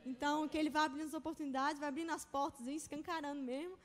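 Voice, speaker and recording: Young woman, testimony, high voice, long hall reverb, emotional and chatty. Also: fairly even intonation, very fast. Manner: emotional, conversational, acts out dialogue. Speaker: church member giving testimony. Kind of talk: personal testimony.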